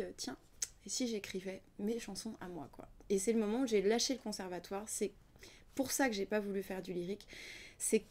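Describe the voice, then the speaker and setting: A woman's voice: mid-range voice, a little mellow. Reflective young woman, hesitant speech. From Ukrainian family background, raised in France. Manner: thoughtful, hesitant with many fillers, drops to near-whisper at times. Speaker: singer and singing teacher being interviewed. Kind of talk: casual interview talk.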